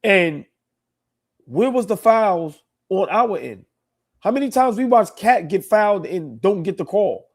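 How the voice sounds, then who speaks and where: A man's voice: high-pitched, expressive, unhurried. A man co-hosting a sports talk show, making his points emphatically and often asking "right?". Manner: emphatic, rhetorical questions, frequent "right?". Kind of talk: casual sports chat.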